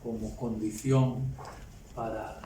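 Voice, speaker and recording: A man gives a formal, courteous response speech at an academic ceremony, speaking in a measured way. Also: lowish voice, little pitch movement, dark tone. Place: hotel hall. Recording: roomy hall audio from a distance with faint noise.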